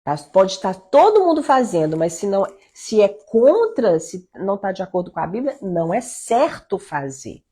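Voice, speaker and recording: A middle-aged woman leads an informal devotional teaching for mothers from her home. Her voice is husky and a little breathy at a mid pitch. She speaks with earnest conviction and keeps urging her listeners to hold firm. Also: sing-song, moderate pace, hardly any pauses, dark tone. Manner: earnest, exhorting, quotes her own talks with her son. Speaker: leader of a mothers' prayer group.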